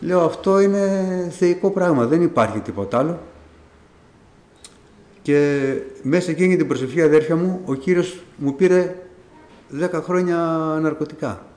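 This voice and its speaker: Speaking to a congregation, a middle-aged man tells his own faith testimony as a relaxed story, acting out recalled exchanges. His fairly high, slightly mellow voice leaves long pauses. He is a church member, recorded in an echoey room.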